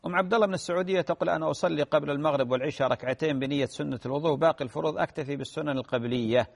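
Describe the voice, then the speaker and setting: A man, a sheikh answering listeners' religious questions in a gentle advisory way. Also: on the high side, very fast, creaky, big-room sound. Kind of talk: radio religious Q&A.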